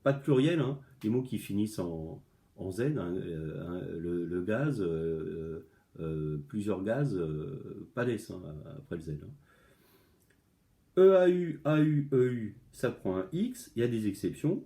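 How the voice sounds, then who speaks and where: A man's voice: deep voice, expressive, unhurried, warm tone. A middle-aged man teaching a spelling lesson to a class at home, chatty, with many fillers and restarts, sounding words out aloud as he explains. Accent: French. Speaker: primary school teacher.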